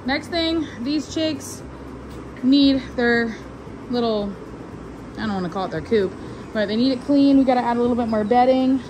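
A young, heavily pregnant woman vlogs from a farm, chatting with viewers and animals in the open barn and out in the pasture, her phone at arm's length. She speaks at a normal speed in a fairly high voice, with long pauses and noise in the background.

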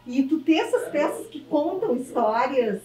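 A bubbly woman TV host with a Gaúcho accent and a bright, high voice, gushing and chatty, constantly checking in with "né?". She sounds a bit away from the mic, in an echoey shop. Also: lively intonation, measured pace, far from the mic. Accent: Gaúcho Brazilian Portuguese. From southern Brazil. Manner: effusive, chatty, keeps asking "né?". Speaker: TV show host. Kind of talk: enthusiastic on-location interview. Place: inside a small shop.

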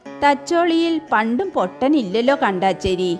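A woman voicing an older matriarch in a spoken storybook, commanding yet gentle, voice raised a little. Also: on the high side, animated, normal speed, faint music behind, lightly acted. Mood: reassuring. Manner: commanding, reassuring. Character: older matriarch of a noble household, firm but kindly.

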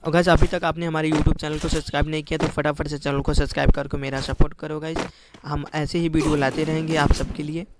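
A man commentating his shooter game to viewers, excitable and repeating his words. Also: a little high, fast. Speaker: gaming YouTuber. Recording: loud background noise.

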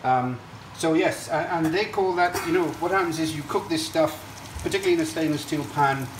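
A cooking show host with a somewhat high-pitched male voice moves briskly through his steps, chatting to camera and drifting into digressions as he cooks at a kitchen stove. He's recorded off-mic in an echoey space. Hiss, frying sizzle, and stirring sounds run underneath.

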